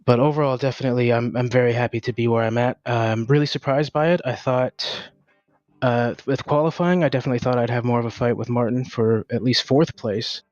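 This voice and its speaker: A racing driver, out of breath, answering post-race interview questions in a candid, hesitant way with many fillers. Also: male voice, mid-range voice, steady tone, a little fast, a little mellow, no room sound, muffled recording.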